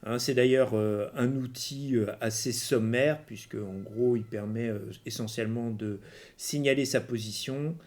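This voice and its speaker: Acting as game master for a tabletop game, a man with a mid-pitched voice narrates while improvising, hesitating and searching for words. His intonation is fairly even, his speed normal, and his tone a little mellow.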